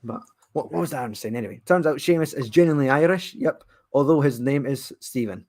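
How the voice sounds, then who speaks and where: A man's voice: mid-range voice, a little fast, a little mellow. A man co-hosting a casual live-reaction chat, rambling and laughing often. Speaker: co-host. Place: at home watching TV.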